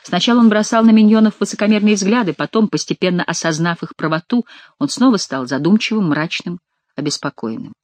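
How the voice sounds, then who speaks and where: Measured audiobook narrator, dry sound. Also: medium pitch, no echo.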